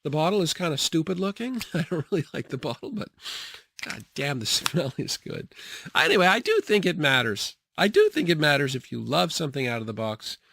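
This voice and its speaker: A young man chatting casually about his fragrances, relaxed, with many fillers and frequent laughs. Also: fairly high pitch, fairly quick, gravelly. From grew up partly in the Bahamas and Jamaica. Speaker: fragrance reviewer. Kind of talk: casual product review.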